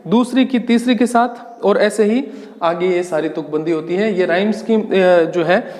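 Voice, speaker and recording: High-voiced male teacher in echoey room. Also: darkish tone. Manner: slow, explanatory, repeats key terms and asks rhetorical questions. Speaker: English literature teacher. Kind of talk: exam-prep lecture in Hindi with English terms.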